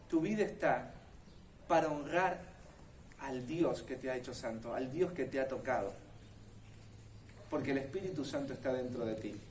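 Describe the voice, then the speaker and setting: A man's voice: mid-range voice, a little mellow, echoey room, recorded from a distance, a little hiss or hum. A man with a Rioplatense Spanish accent preaching a sermon as pastor, earnestly putting questions straight to his listeners. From Argentina.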